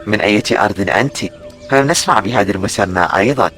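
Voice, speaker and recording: A man's voice: on the low side, quick pace, a bit bright, soft background music, voice pushed down, close to an everyday voice. A man doing a proud young Roman.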